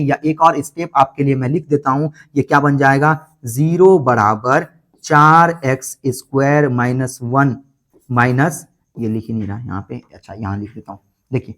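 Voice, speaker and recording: A man's voice: on the high side, a bit bright. A male math teacher explains a problem step by step. He keeps asking the class questions and answering them himself, repeating the key points. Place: online class, voice over board writing.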